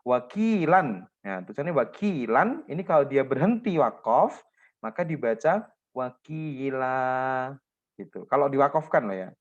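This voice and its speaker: A man teaches a class the rules of Quran recitation, walking through examples and stopping often to check that his students follow. His voice sits at an ordinary middle pitch. The recording is a little dull and lo-fi. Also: very animated, moderate pace. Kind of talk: classroom lesson on tajwid rules.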